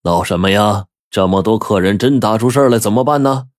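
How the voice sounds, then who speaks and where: A man storyteller voicing a cold, calculating male innkeeper who speaks slowly and coolly. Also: fairly low pitch, dry recording, clean studio sound, natural voice. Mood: stern. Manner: slow, coldly measured.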